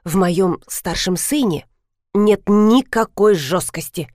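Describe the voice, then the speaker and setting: A woman's voice: medium pitch, takes it slowly, a little mellow, no echo, clean studio sound, lightly acted. A woman reading an audiobook, voicing a fussy, gushing elderly lady who heads her family. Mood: fussing. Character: elderly lady, soft-hearted matriarch, fussy. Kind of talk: audiobook character voice.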